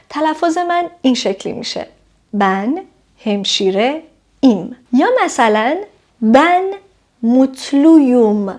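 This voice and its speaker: A woman with a fairly high voice teaches a grammar lesson. She explains each rule step by step and stretches the example words out slowly so learners can hear every sound. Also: darkish tone. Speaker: Turkish language teacher.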